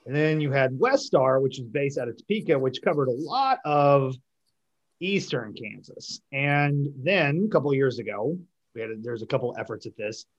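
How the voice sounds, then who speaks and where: A man's voice: medium pitch, expressive, normal speed. A man hosting a podcast, talking in a chatty, rambling way that often interrupts itself. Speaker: podcast host. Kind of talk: casual podcast conversation. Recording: dull lo-fi sound.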